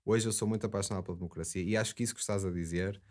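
A man's voice: fairly low pitch, steady tone, very fast, darkish tone. A man in his thirties with a European Portuguese accent, a podcast guest in casual debate, earnest and digressive with many restarts. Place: small studio with acoustic foam. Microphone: desk mic on boom arm.

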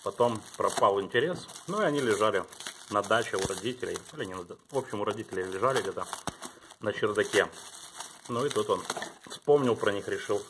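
A man chatting casually at home as he unboxes and reviews his collection, thinking aloud and dropping to quiet mutters as he handles things. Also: fairly low pitch, animated, a little fast, noisy background.

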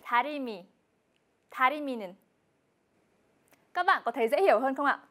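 A young woman with a slightly higher voice leads a scripted television language lesson. She explains each grammar point patiently and repeats every example word clearly. Her delivery stays steady and measured. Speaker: Korean language teacher co-host.

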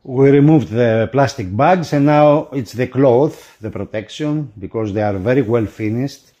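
A magazine product reviewer, a man with a medium-pitched, mellow voice, gives unboxing commentary at a slow pace. His non-native English comes out halting and broken, and the recording sounds lo-fi.

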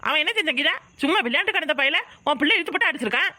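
A hot-tempered village mother from a cartoon, voiced by a woman, with a Kanyakumari Tamil accent. She scolds in a high, bright voice at a quick clip, loud and quarrelsome. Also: expressive, no echo, studio quality, exaggerated voice. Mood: quarreling. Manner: shouting, scolding. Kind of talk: cartoon voice acting.

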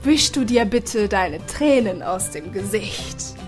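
A woman voicing a calm, gently firm grandfather in an audiobook, speaking slowly and deliberately. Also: high-pitched, soft background music. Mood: soothing. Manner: slow and deliberate, measured. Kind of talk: audiobook character voice.

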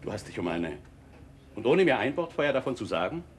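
A man's voice: mid-range voice, very animated, a little fast, close to an everyday voice. An actor playing a middle-aged innkeeper and father who scolds his grown daughter, in a 1960s TV drama. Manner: gruff, scolding. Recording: old TV soundtrack with faint hiss.

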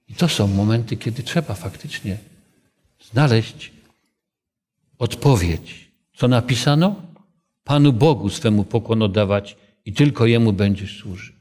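A man's voice: mid-range voice, a little mellow. A man leading a group Bible study, asking the others questions and telling a story from his own life. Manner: conversational, asks the group questions, tells personal stories.

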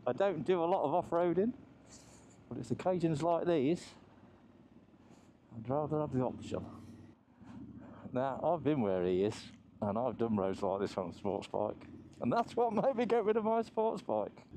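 A man riding a motorbike on mountain roads chats casually through a helmet mic as a motorcycle vlogger, laughing often and swearing easily. His voice is medium-pitched and warm, with a little hiss or hum.

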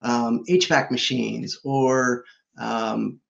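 This product executive guest, a man in his forties, explains products from his home office over a video call webcam in a fluent, upbeat, conversational keynote peppered with fillers. His medium-pitched voice is steady, gravelly and a bit bright, drawing out words, and the sound is lo-fi.

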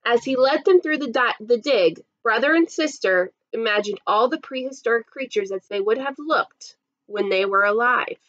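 A kindergarten teacher in her thirties reads a storybook expressively to young children in a small indoor room arranged as a classroom. Her voice is a little high and a bit bright, at normal speed, though the audio sounds dull.

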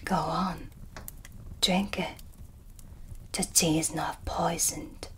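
In a hushed, close-miked ASMR roleplay recorded on a studio mic, a woman with a lowish voice whispers softly as a dark witch. The character is calm, mysterious, and sardonic, a teacher of shadow magic whose menace is dry and teasing. She speaks slowly and deliberately.

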